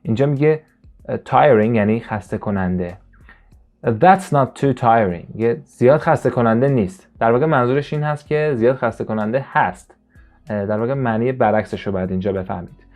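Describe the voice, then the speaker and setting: A man whose first language is Persian, teaching an English listening lesson and slowly repeating English phrases for his students. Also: medium pitch, darkish tone, soft background music. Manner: slow, drawn-out repetition of English phrases.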